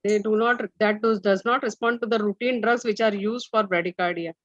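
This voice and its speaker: A woman's voice: mid-range voice, fairly even intonation, a little fast, fairly bright tone, no room sound. A woman chairing a formal session and firmly correcting speakers. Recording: dull, dry video call audio.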